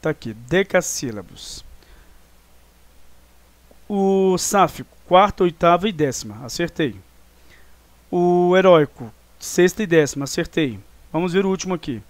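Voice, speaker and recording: A man's voice: high-pitched, lively intonation, unhurried, pauses often, no echo. A man teaching a recorded review lesson with a Brazilian Portuguese accent, explaining step by step and counting syllables aloud.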